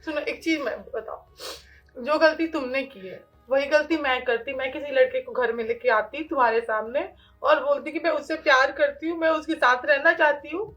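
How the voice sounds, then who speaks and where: A woman playing a hurt wife who calmly and firmly refuses to go back to her husband. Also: high-pitched, normal speed. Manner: calm, firm, gently consoling. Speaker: actor in a short drama. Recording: faint music behind.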